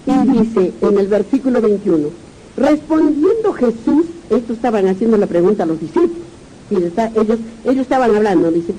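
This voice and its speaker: A woman's voice: medium pitch, warm tone, slight background noise, poor audio. A woman pastor with a Peruvian Spanish accent, preaching a sermon, reading verses aloud and asking the congregation questions.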